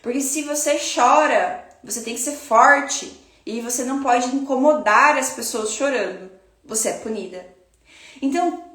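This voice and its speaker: A woman with a Brazilian Portuguese accent gives a spiritual self-help talk, her voice sitting high and her delivery slow and reflective. She speaks straight to the listener like a teacher. The sound carries the echo of a roomy space.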